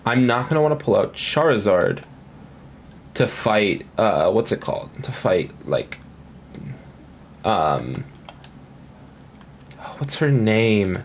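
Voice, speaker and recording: A man's voice: lowish voice, sing-song, slow pace, pauses often, a little hiss or hum. A man casually commenting on his gameplay at home, rambling and thinking aloud with lots of fillers. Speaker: gaming commentator.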